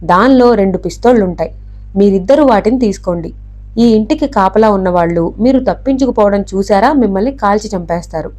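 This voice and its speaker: A woman doing a hushed, secretive woman helper. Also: medium pitch, brisk, natural voice.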